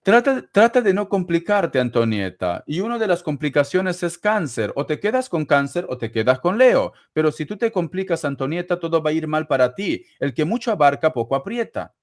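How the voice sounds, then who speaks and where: A man's voice: a little high, very animated, moderate pace, hardly any pauses. Chatty man doing a live tarot reading. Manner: constant endearments, chatty and teasing, laughs often. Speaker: tarot reader answering paid chat questions.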